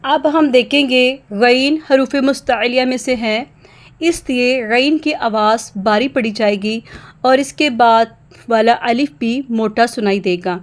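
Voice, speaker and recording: A woman teaching a recitation lesson in a high, smooth voice. She runs through the rules at a brisk clip, then slows right down to recite each example word with drawn-out, carefully weighted vowels. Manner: explains quickly, then recites example words slowly and loudly. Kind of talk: tajweed lesson.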